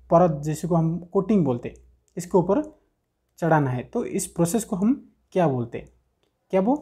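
A man working through technical exam questions in a screen-recorded lesson, reading each question slowly and then explaining the answer step by step. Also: sits high, warm tone, breathy edge. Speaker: technical teacher. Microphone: screen recording voice-over.

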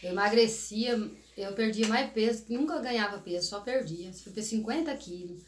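A woman's voice: medium pitch, moderate pace. A middle-aged Brazilian mother chatting casually on a family vlog, telling stories with lots of laughter and acting out voices. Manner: storytelling, laughs often, acts out quoted voices loudly. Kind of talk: casual chat. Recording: echoey home room with faint noise.

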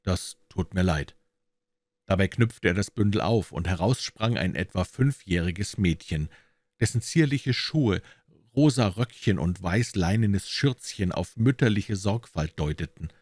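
A man narrating a classic detective novel as an audiobook reader, in measured storytelling with lively emphasis. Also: sits low, no room sound. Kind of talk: scripted narration.

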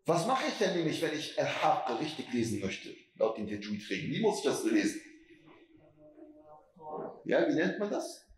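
Animated imam with echoing voice. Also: male voice, a little high, normal speed, long pauses, slight background noise. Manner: rhetorical questions, stretches words for emphasis. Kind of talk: Quran commentary lecture.

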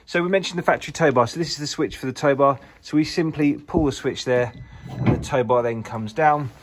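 A man's voice: medium pitch, fairly quick, very noisy. A man giving a casual walkaround of a used car in an indoor showroom, filmed on a handheld camera. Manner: upbeat salesman patter, filmed while walking. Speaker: car dealer presenting a used car. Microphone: camera held by the speaker.

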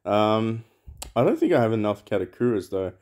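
A man's voice: on the low side, very animated, normal speed, a little mellow. A man giving rambling, casual commentary over a mobile game, thinking aloud with lots of fillers. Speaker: mobile game channel host.

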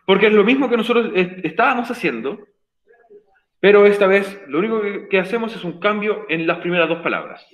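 Guy teaching english online, patient, kinda high voice, echoey room. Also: animated, a little fast, dull audio. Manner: patient, explanatory, repeats key points. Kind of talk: online class explanation. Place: home, online class. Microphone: video call. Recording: roomy echo.

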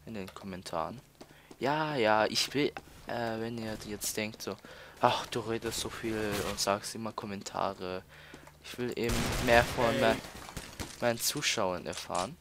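Halting young guy gaming. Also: lowish voice, noisy background. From Austria. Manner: halting, repeats words, many fillers. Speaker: let's player. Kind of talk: casual gameplay commentary.

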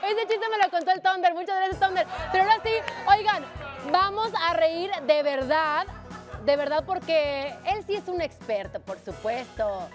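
A woman's voice: very high voice, expressive, normal speed, over music, a crowd in the background. A woman hosting a TV variety show, joking and bantering enthusiastically. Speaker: TV show host. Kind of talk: lively TV banter. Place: TV studio.

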